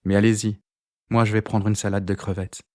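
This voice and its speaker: Guy voicing a calm jazz sax woman, grey hair but young, low-key and direct, deep and dry. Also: fairly quick, dry recording, close to an everyday voice. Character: determined grey-haired woman jazz saxophonist, still young. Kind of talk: audiobook character voice.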